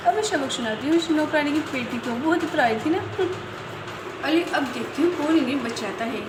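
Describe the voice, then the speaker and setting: Woman voicing a mischievous little girl, whiny, loud, very high, noisy echoey room. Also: moderate pace, far from the mic, lightly acted. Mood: scheming. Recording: roomy, noisy home recording.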